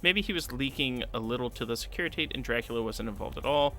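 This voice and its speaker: With background music behind him, a game master on a casual solo prep stream speaks quickly in a mid-range, somewhat bright voice. He reads long stretches of the rulebook aloud, thinks through his campaign out loud, and sometimes hums.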